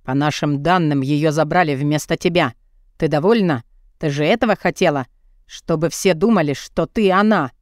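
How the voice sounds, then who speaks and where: A woman reading an audiobook, voicing an angry young man who barks and accuses in a lowered voice. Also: unhurried, hardly any pauses, smooth, no echo, clean studio sound. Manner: barking, accusing.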